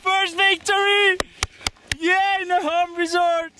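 A man's voice: very high voice, flat delivery, slow pace, very noisy. A young man, a pro snowboarder, teasing and joking in casual chat. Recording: loud background music.

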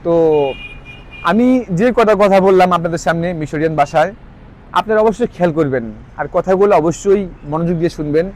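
Man, high-pitched, casual language tutor, repeats each phrase slowly. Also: a little mellow. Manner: repeats phrases slowly, explains with "ঠিক আছে?" checks. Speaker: language teacher. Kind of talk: casual spoken lesson.

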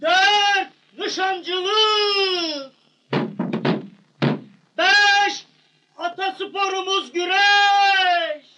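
An actor playing a village town crier, shouting a public proclamation in loud, drawn-out calls. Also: male voice, extremely high pitch, steady tone, heavily acted. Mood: proclaiming, emphatic. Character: village town crier bellowing official announcements. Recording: noisy, hissy old film soundtrack.

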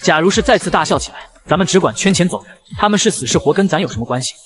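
A man voicing a scheming, greedy palace eunuch official who mocks as he plots, reading the lines fast in a comic recap. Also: high voice, animated. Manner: mocking and scheming.

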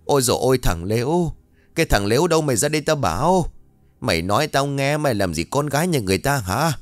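A man's voice: mid-range voice, big pitch swings, fast, dry recording, faint music behind, voice pushed up, natural voice. A man voicing an angry middle-aged village mother who wails and scolds her son. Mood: furious scolding. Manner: scolding, wailing.

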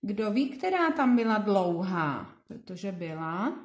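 A woman teacher talking to small children, reciting rhyming riddles in a sing-song lilt and slowly clapping out syllables. Her voice sits at an ordinary pitch and sounds echoey, as if recorded in a bare room. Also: big pitch swings. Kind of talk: lesson for young children.

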